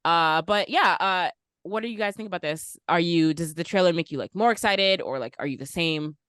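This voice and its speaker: A young woman co-hosting a casual podcast, chatty and quick to laugh. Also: lowish voice, a bit bright, clear, resonant tone, no room sound, clean studio sound. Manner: chatty, laughs often, lots of "like". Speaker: podcast co-host. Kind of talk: casual chat.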